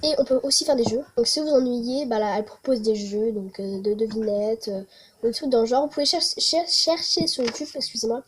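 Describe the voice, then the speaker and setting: A woman's voice: fairly high pitch, a little fast, husky. A young woman, chatting casually through a holiday wishlist vlog, with many hesitations. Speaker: vlogger.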